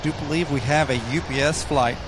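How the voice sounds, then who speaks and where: A man's voice: a little high, steady tone, a little fast. A man giving casual, chatty, folksy live commentary as host of a plane spotting stream. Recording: noisy outdoor livestream with aircraft sound.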